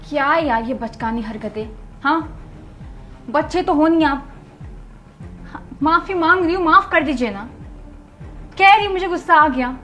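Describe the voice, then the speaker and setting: In a scripted comedic monologue, a young woman plays a wife who turns defensive and scolding, pleading for forgiveness between her reproaches. Her voice sits high with a fairly bright tone, and the audio is poor and reverberant.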